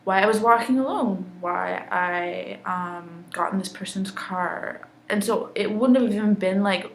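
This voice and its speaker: A woman's voice: medium pitch, unhurried, gravelly, slight background noise, rough recording. A young woman, upset and angry, telling a personal story in a vlog and swearing heavily. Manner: angry, intense, heavy swearing. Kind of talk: emotional personal vlog rant.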